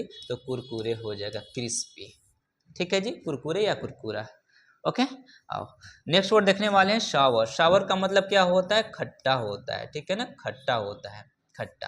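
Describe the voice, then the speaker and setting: A male English teacher gives a classroom vocabulary lesson in a slightly raised voice. He keeps asking the class questions and repeats each word slowly and patiently. A faint hum of noise sits under the recording. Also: fairly high pitch, fairly bright tone. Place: classroom with a board.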